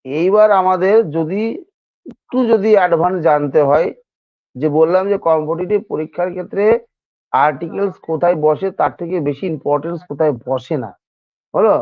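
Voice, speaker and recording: A man's voice: on the high side, moderate pace, no echo, narrow, tinny audio. A man teaching an exam-prep grammar lesson, who repeats each point and keeps asking his students questions. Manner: addresses students informally. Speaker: English teacher.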